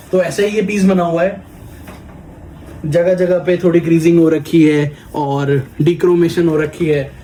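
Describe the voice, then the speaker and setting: An Indian man presenting for a toy shop walks through a product step by step in a casual demo, switching between Hindi and English. His voice is a little high and warm, recorded in an echoey room with background noise and clicking.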